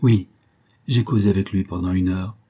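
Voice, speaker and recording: Reader doing a patient gentleman go-between, measured, low husky voice, storybook. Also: steady tone. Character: calm gentleman go-between, grown man.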